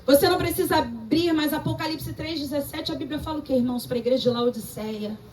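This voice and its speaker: A woman pastor with a Brazilian Portuguese accent, preaching a lively, emphatic sermon full of personal stories. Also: high-pitched, fast. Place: church service. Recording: distant mic with faint room ambience.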